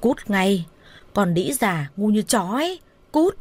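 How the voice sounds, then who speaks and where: Woman doing a nasty young con guy yelling insults, storybook voice. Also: medium pitch, big pitch swings, takes it slowly. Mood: furious. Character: young man, greedy conman, violent and vicious.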